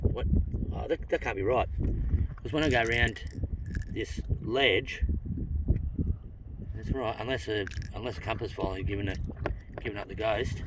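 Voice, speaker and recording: A man's voice: lowish voice, moderate pace, pauses often. An Australian man with a blokey, tradesman-like way of talking, chatting casually to camera in a laid-back, rambling, thinking-aloud manner as he paddles. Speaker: vlogger. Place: outdoors on a canoe on open water. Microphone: phone propped up in front of him. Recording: distant phone mic, clear wind and water noise.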